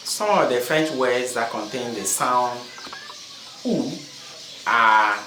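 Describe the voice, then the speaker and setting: A man teaching in a slow, deliberate textbook pronunciation style, repeating isolated sounds and example words one at a time. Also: medium pitch, pushed and bright. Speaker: French teacher. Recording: echoey room with faint noise, birdsong.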